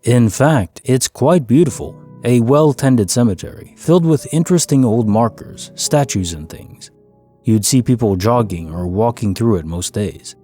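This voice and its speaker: A man narrating a first-person paranormal story in a measured, calm way. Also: medium pitch, soft background music.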